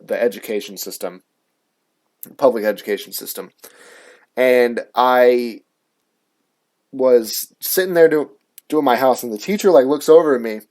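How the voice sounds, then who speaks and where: A man's voice: mid-range voice, darkish tone. A young man hosting his own show, telling a story in a casual, aggrieved rant full of swearing and filler words. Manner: profane, filler-heavy, aggrieved. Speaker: show host.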